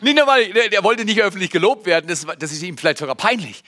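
Bright, high-voiced man preaching. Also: quick pace. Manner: animated, swings between loud emphasis and quiet asides; addresses the congregation directly. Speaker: pastor. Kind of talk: sermon. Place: church service.

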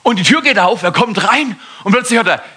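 High, husky, lively male preacher. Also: fairly quick. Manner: animated, swings from loud bursts to hushed tones. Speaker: pastor. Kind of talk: energetic sermon.

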